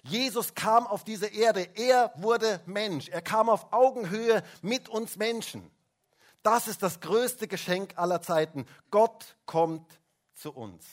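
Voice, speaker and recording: Higher-voiced preacher, chatty with kids. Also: male voice, slow. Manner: chatty, asks the children questions, tag "hä?". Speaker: pastor. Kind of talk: Christmas sermon. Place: church service, also livestreamed.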